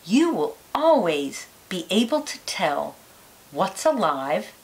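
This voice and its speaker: A woman with a lowish, sing-song voice reads a children's educational picture book like a teacher, pacing her phrasing carefully and deliberately for young listeners.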